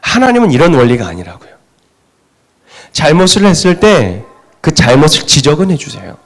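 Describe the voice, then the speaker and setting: A middle-aged man preaching a Sunday sermon in a church. His voice sits a little high and swings widely in pitch. He keeps asking the congregation questions and answering them himself. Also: very animated, normal speed. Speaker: pastor. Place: church sanctuary.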